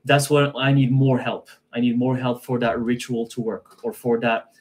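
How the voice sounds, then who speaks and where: A man talking casually in a live-stream conversation, relaxed, laughing often and repeating his phrases. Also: medium pitch, moderate pace. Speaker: guest practitioner.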